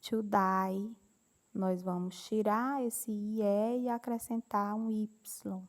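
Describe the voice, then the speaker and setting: In her classroom grammar lesson, this English teacher, a native Portuguese speaker, takes her time and patiently repeats examples. Her mid-range voice has a gravelly edge and stays fairly even in intonation.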